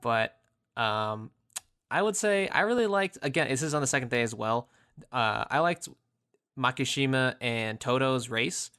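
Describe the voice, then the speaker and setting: A man co-hosting a podcast in relaxed, rambling chat, his voice bright and smooth. He fills his recaps with "like" and restarts. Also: mid-range voice, measured pace. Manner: rambling, acts out characters' lines in quotes. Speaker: podcast co-host.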